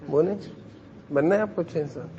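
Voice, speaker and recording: High-voiced man teaching children. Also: dark tone, highs cut off, a little hiss or hum. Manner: repetitive, questions the children and urges them to answer. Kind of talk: classroom lesson to children. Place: madrasa classroom.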